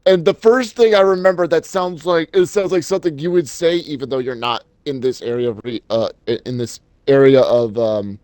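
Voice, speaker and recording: A man's voice: medium pitch, brisk, few pauses, darkish tone, no room sound. A young man chatting casually with a streamer friend, rambling and giggling through his banter. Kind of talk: casual chat.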